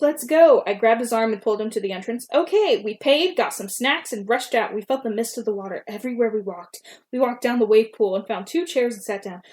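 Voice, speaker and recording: High-voiced, embarrassed young woman reading aloud. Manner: embarrassed, giggly self-mocking reading, breaking off to comment; voices dialogue animatedly. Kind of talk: reading own old fan fiction aloud with casual asides.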